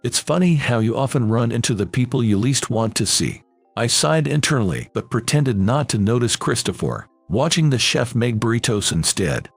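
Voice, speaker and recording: Gravelly young man narrating calmly. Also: medium pitch, moderate pace, no room sound. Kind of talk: first-person story narration. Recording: dry voice-over with faint music.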